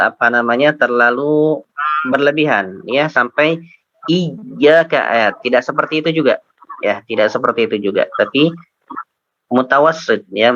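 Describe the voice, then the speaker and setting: A man with an Indonesian accent teaching Quran recitation, patiently correcting pronunciation letter by letter and chanting verses slowly as models. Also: mid-range voice, fairly bright tone, no echo, lo-fi sound. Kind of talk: tajwid lesson with slow model recitation.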